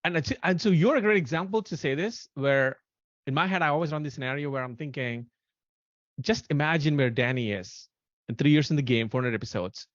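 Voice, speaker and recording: A man in his thirties hosts a casual conversation, voice a touch high and bursting with excitement. The audio is dull and lo-fi, with a dry, close sound and no room echo. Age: 30s. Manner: excitable, animated, talks in quick bursts. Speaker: podcast host. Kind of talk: casual chat on a video call.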